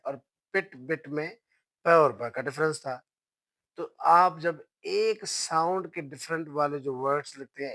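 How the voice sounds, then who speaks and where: A man's voice: a little high, fairly bright tone, no room sound. A man giving a patient lecture with slides. He often repeats his points and checks for understanding, and he switches between Hindi and English. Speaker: phonetics teacher.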